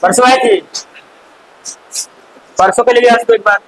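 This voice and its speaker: High-voiced male teacher quizzing a class. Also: steady tone, fairly bright tone, low-quality recording. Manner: quizzes students with quick questions and answers; scolding, chatty asides to students. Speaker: chemistry teacher. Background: faint hiss.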